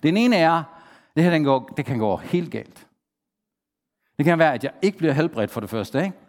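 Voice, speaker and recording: A man with a fairly high voice preaches a sermon in a lively way, turning to the congregation with questions and acting out the people he quotes. His voice rings with a long reverb from a large hall.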